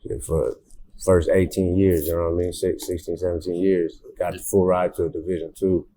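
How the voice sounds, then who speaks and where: A man's voice: low-pitched, level tone, brisk, warm tone, a little hiss or hum. A young man from Indiana, a rapper, talking casually in an interview with a laid-back, rambling manner and lots of fillers. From Indiana, USA. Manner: laid-back, repeats words, many fillers.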